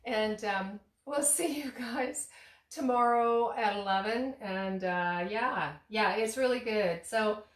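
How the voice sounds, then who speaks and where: Speaking slowly at a medium pitch, a tea shop owner and cooking vlogger rambles through a casual demo chat in her echoey home kitchen. She restarts and uses fillers often and laughs at herself, sounding slightly hoarse as she loses her voice.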